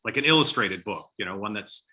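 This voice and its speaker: A man's voice: on the low side, expressive, fairly quick, pushed and bright, a little hiss or hum. A middle-aged man speaking as an interview guest, thoughtful and earnest in a casual chat about books. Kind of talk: casual reflective book chat.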